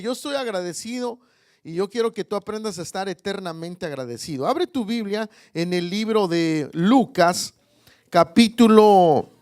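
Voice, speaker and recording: A man's voice: high voice, dry recording, clean studio sound. A man preaching a sermon in church, reading scripture aloud and calling out questions to the congregation. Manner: reads scripture aloud with pauses. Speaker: pastor.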